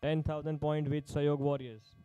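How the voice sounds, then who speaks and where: A man's voice: fairly high pitch, little pitch movement, normal speed, dark tone, smooth, dry recording, low-quality recording. A man working as an auctioneer at a live sports player auction, calling out bids in short, repeated phrases.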